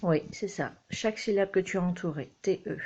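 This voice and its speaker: A woman's voice: fairly low pitch, a little fast, a little mellow. A woman teaching her child to read at home, patient and coaxing, recorded on a dull, lo-fi mic. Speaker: homeschooling mother. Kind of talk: reading lesson with a child.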